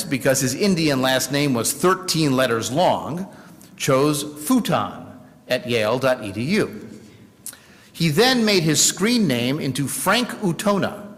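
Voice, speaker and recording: A man's voice: fairly high pitch, fairly bright tone. Wry male speaker in a reverberant hall. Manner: wry, measured delivery with dry jokes. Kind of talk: sermon.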